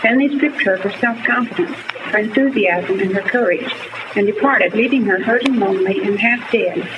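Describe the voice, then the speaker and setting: A young woman student reading aloud for a class with careful, measured elocution, played back from an old gramophone disc. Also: medium pitch. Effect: played from an old 1939 gramophone disc. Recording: noisy, muffled old disc recording from far off.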